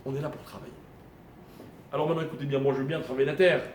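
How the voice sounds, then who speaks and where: A man's voice: medium pitch, steady tone, rapid-fire. A man teaching a live Torah lesson, explaining Hebrew grammar step by step and quizzing his listeners. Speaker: rabbi teaching a Torah class. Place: room with a small live audience. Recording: echoey room recording with faint noise.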